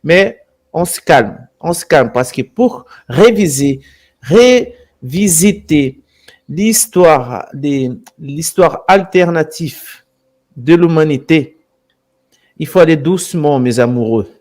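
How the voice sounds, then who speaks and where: Brazilian-accented man, gentle and unhurried. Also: a little high, animated. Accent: Brazilian Portuguese. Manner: gentle, unhurried, affectionate, repeats words. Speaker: live stream host. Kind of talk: casual live stream talk.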